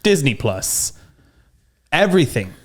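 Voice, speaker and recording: A man co-hosting a podcast in casual chat, animated and swearing freely as he acts out little quotes. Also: mid-range voice, slow pace. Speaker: podcast co-host.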